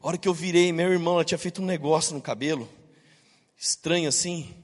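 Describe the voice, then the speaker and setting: High-voiced man preaching in a reverberant hall. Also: quick pace. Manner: storytelling, acts out quoted voices; jokes with the congregation. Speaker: pastor. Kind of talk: sermon. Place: church.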